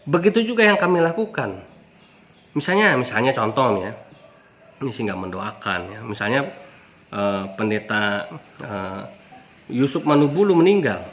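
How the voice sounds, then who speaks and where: A man's voice: medium pitch, animated, normal speed, long pauses, fairly bright tone, a little hiss or hum. A man with an Indonesian accent giving an informal religious talk, conversational, often adding "ya" to his points and lifting his voice on key words. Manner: conversational, frequent "ya" and "gitu ya" tags, rising emphasis on key words. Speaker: Islamic preacher.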